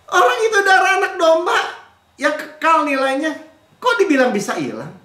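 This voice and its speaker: Animated pastor with a lively, high voice. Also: male voice, normal speed, reverberant. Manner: animated, shifts between loud mocking impressions and quiet asides. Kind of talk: sermon. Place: church.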